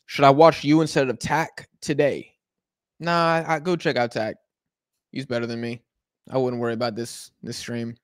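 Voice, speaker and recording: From his couch at home, an American man hosts a relaxed live football watch-along, wandering from topic to topic and responding to chat as messages arrive. His mid-range voice comes through dry and studio-clean.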